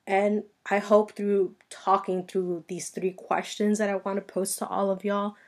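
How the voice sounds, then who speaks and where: A native Spanish-speaking woman in her twenties hosts a solo podcast, earnestly telling personal stories and addressing her listeners directly. Her voice sits at medium pitch, with a flat delivery and measured pace.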